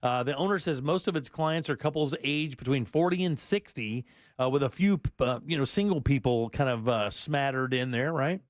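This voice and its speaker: A man's voice: medium pitch, moderate pace, no echo. Chatty male radio host, dry studio sound. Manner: chatty, laughs often, reads stories with asides. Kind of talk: casual radio talk and news reading.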